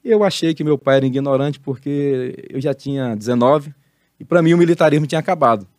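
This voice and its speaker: A man's voice: medium pitch, fairly quick, no echo. An older man from Brazil recounts his life as a pastor and former marine. He tells it at an easy interview pace but lands the key lines like a preacher. The sound is close and dry, with no room around it. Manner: animated testimony, preacherly emphasis. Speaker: pastor and retired marine, guest. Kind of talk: casual interview storytelling.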